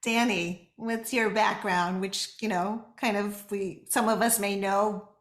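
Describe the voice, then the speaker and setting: A woman's voice: medium pitch, steady tone, takes it slowly. Woman moderator in an echoey room. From Rhode Island. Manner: conversational, brief prompting questions. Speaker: panel moderator. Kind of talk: moderating a panel discussion.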